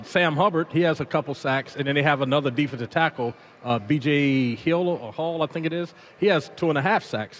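A man's voice: medium pitch, slight background noise. Guy co-hosting sports radio, chill, talks through football with lots of uhs. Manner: relaxed, measured breakdown with fillers.

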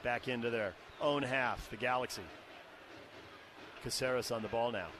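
A man's voice: medium pitch, steady tone, unhurried. An American man doing live play-by-play soccer commentary in short, clipped descriptions of the action, over stadium noise. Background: outdoor stadium ambience.

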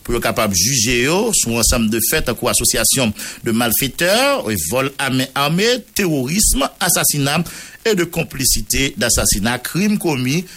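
A man's voice: medium pitch, sing-song, normal speed, a bit bright. A man with a Haitian accent, a radio news journalist reading out a court order and a long list of names, mixing Creole into French. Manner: mixes Creole into French, reads long name lists.

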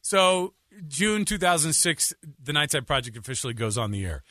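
Bright-voiced joking radio co-host. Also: male voice, fairly high pitch, very animated, normal speed, no room sound, studio quality. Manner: joking, rambling, restarts often. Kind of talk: casual radio banter.

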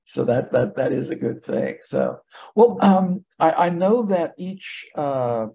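An American man acts as a casual interviewer. His voice is dark and husky, and he phrases things haltingly, often doubling back on words. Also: mid-range voice, lively intonation. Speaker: podcast host, interviewer.

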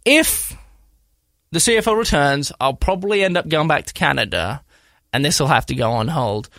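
A man's voice: fairly high pitch, lively intonation, moderate pace, fairly bright tone, dry recording, studio quality. A man in his thirties with an Australian accent, hosting a casual sports podcast as a chatty, self-deprecating storyteller. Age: 30s. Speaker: podcast host.

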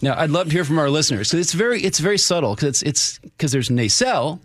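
A man's voice: on the high side, animated, quick pace, fairly bright tone, dry recording. A man, the show's resident historian, telling a local history story on a radio feature with chatty enthusiasm.

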